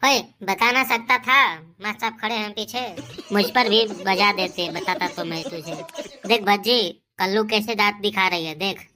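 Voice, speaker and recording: A woman's voice: mid-range voice, normal speed, bright, forceful tone, lightly acted. A woman voicing cheeky, bickering village boys in a comic cartoon.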